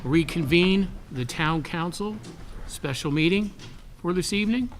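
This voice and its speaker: A man chairing a town budget hearing as mayor, moving through the agenda in plain procedural wording. His voice sits a little high, and his informal asides are short. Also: animated, unhurried.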